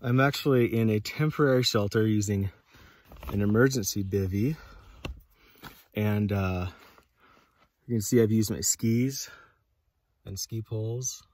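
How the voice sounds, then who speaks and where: A man in his thirties giving an informal, halting outdoor how-to as a vlog host, recorded on a handheld camera inside a small, cramped shelter. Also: on the low side, a little mellow. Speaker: host of an outdoor radio channel. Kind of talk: casual instructional vlog. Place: inside a small snow shelter under a tarp. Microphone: phone or camera at arm's length.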